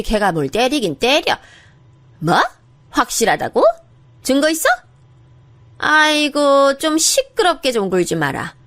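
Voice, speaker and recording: Actress doing a harsh, scornful older mother-in-law, belittling, high and swinging voice, storybook drama. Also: a bit bright. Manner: belittling, nagging, snaps at her daughter-in-law.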